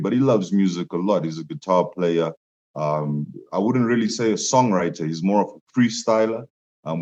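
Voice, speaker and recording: A young male musician, a guest in a casual interview, tells stories animatedly in a deep, darkish voice. He laughs often and jumps his voice up when quoting. The recording sounds dull and lo-fi.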